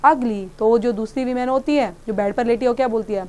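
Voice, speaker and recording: Indian lady teacher going through a story for kids, slightly high voice, reads slow then chats it through. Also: warm tone. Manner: reads English text slowly, then explains it conversationally. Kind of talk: explaining an English chapter to students.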